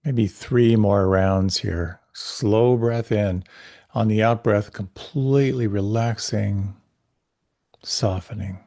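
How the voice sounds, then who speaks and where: A man teaching a guided meditation class, giving gentle, unhurried, soothing instructions with pauses. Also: fairly low pitch, no room sound, studio quality.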